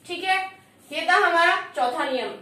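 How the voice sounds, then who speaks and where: A woman's voice: extremely high pitch, normal speed, pushed and bright. A woman teaching a Hindi grammar lesson for exam preparation, repeating each rule and asking and answering her own questions. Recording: echoey room, far from the mic.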